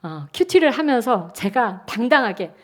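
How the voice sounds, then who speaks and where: Woman pastor, 60s, high bright voice, lively chatty sermon storytelling. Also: moderate pace. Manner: animated, chatty storytelling with acted-out quotes. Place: church sanctuary.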